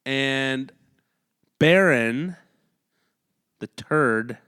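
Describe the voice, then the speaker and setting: This hockey podcast co-host has a mid-range, sharp, clean-toned voice and records casually in a room at home. Reading player stats in a rapid list, he keeps breaking into laughs.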